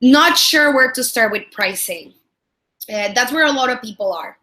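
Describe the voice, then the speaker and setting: This woman from El Salvador, in her thirties, trains a business webinar audience as a product strategist, her Salvadoran Spanish accent carrying a friendly tone peppered with fillers and repetitions. Her voice leans high and sharp, with lively intonation and normal speed.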